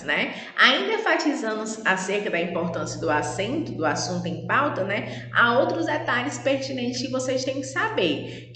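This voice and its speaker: A woman's voice: fairly high pitch, a bit bright. A woman teacher giving a formal grammar lesson, often checking in with tag questions. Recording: echoey room with long reverb.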